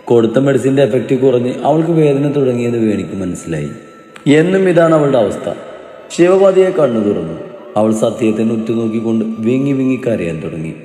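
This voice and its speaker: A male storyteller giving an expressive, dramatic narration of an emotional story, with a mellow voice in a roomy, echoing space. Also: medium pitch. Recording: roomy reverberant room.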